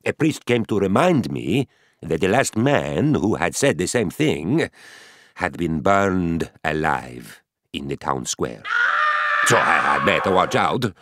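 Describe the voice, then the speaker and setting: A boastful, playful old male astronomer tells his own story in a children's cartoon. The voice is low and unhurried but swings widely up and down. The recording is close and dry. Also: no room sound, exaggerated voice. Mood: cheeky. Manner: chatty and cheeky, with lively asides. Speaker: first-person narrator.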